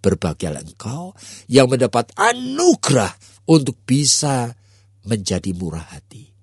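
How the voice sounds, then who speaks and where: Husky, lively male preacher. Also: medium pitch, unhurried, dry recording, clean studio sound. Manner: dramatic, swings between loud and whispered; addresses listeners as brothers and sisters. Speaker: pastor. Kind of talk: sermon.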